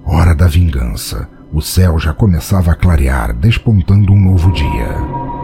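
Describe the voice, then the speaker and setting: Speaking with a Brazilian accent, a male narrator delivers a dramatic story at a moderate pace over background music. His very deep voice is soft-toned yet gravelly, and his intonation swings in lively ways.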